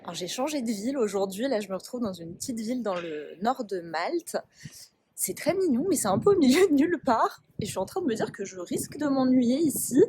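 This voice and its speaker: A woman's voice: on the high side, big pitch swings, a little fast, warm tone, slight background noise. Chatty young French woman vlogging outdoors. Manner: chatty, self-mocking, laughs easily. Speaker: travel vlogger. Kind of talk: casual vlog commentary. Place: outdoors in town streets, on a boat.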